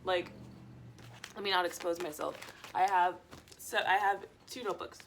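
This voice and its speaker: Rambling stoner woman with gravelly vocal fry. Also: lowish voice, steady tone, moderate pace, fairly bright tone, a little hiss or hum, rough recording. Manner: rambling stoner, loose and digressive. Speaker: vlogger. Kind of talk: casual chat to viewers.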